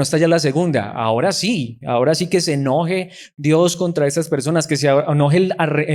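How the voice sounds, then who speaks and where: A man's voice: a little high, a little mellow. A man preaching a sermon, who keeps putting rhetorical questions to the congregation.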